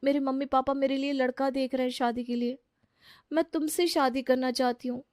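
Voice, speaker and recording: A woman's voice: high-pitched, level tone, fairly quick, a little mellow, dry recording, close to an everyday voice. An anxious young woman in love from a cartoon story, voiced by a woman, who pleads in a raised, worried voice. She sounds slightly distant from the mic, in a dry setting. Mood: pleading.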